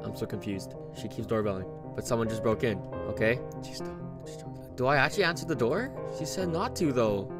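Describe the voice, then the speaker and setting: A young man doing horror game commentary, jumpy and talking to his viewers, with sudden yelps and shouts at scares. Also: mid-range voice, lively intonation, fairly quick, few pauses, over music. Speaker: gameplay streamer.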